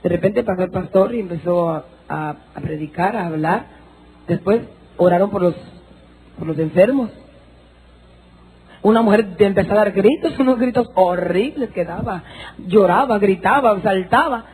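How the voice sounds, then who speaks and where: A woman's voice: mid-range voice, normal speed, darkish tone, husky, low-quality recording. A woman giving an emotional church testimony, repeating herself and calling her listeners brothers. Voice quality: repetitive, addresses listeners as brothers.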